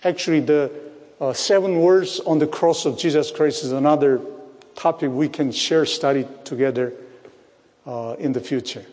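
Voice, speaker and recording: A man preaching a sermon, speaking slowly, repeating phrases and asking his listeners rhetorical questions. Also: on the high side, a little mellow. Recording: long hall reverb.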